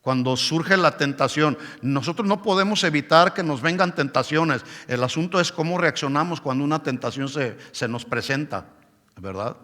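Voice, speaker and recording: Bright-voiced preaching man in a reverberant hall. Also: a little high, moderate pace. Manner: emphatic preaching, often checks in with the congregation. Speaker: pastor. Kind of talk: sermon. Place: church hall. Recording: long church hall reverb.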